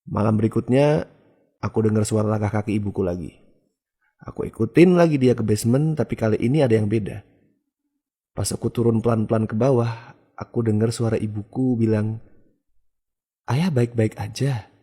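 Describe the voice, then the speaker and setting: A man's voice: on the low side, fairly quick, long pauses, dark tone, husky. A man narrating a first-person horror story in a casual, conversational way.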